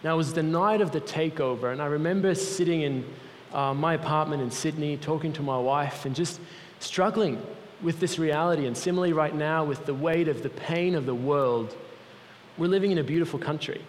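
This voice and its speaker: The voice is a young man's, fairly high and a little fast, carrying a Swiss accent; he is from Switzerland and gives an earnest, personal sermon as a mission group's guest speaker. Recorded in a large church hall, it has long reverb and slight background noise.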